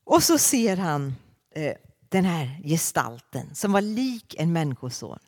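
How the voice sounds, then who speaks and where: A woman's voice: low-pitched, sing-song, a little mellow. A woman preaching a sermon to a congregation in a church, speaking expressively with frequent hesitations.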